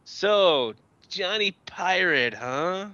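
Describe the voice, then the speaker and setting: A man playing a tabletop game talks in a hesitant, wry way. His voice is bright and dry. The mic sounds a little dull and lo-fi. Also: high voice, lively intonation, very slow, no room sound. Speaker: player. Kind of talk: casual tabletop game talk.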